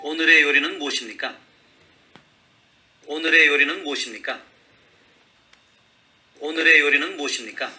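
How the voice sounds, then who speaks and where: A man reading short phrases slowly and clearly as a pronunciation model. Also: fairly high pitch, sharp tone. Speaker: native speaker reading phrases.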